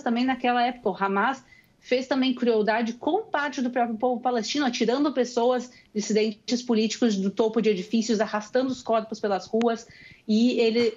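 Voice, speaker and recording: A young woman from Rio Grande do Sul, Brazil, now living in Israel, joins a call-in interview as a guest commentator and earnestly explains events in a gaúcho Brazilian Portuguese accent. Her mid-range voice is slightly mellow, and the remote recording is muffled.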